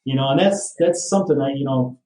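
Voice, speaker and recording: A man talks through a casual podcast interview in an easygoing, matter-of-fact way. His voice is mellow and relaxed. It is picked up from a distance in a roomy, echoey space. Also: mid-range voice, fairly quick. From Michigan. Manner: easygoing, matter-of-fact, with frequent "you know". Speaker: sheriff's office captain, guest.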